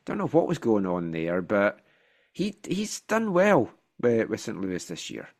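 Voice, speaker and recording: A man's voice: fairly low pitch, a little slow. A man commentating on a football broadcast in a conversational way. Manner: conversational, lively intonation. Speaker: sports commentator.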